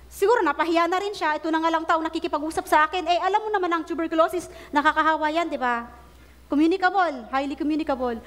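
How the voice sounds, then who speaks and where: High-voiced Filipina woman preaching. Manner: animated storytelling, acting out quoted prayers; mixes Tagalog with English phrases. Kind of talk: sermon storytelling.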